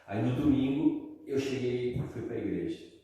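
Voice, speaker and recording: A man's voice: mid-range voice, expressive, a little slow, mellow. Brazilian man, echoey distant hall. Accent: Brazilian Portuguese. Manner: slangy, full of fillers like cara and sabe. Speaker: testimony speaker. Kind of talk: personal testimony, casual storytelling.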